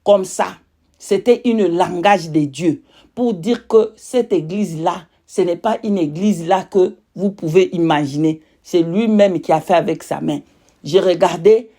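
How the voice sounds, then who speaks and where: A woman with a warm, medium-pitched voice gives a religious testimony in French with a foreign accent, French not being her first language. She preaches emphatically, repeating key phrases for weight, and now and then pauses to search for the right word.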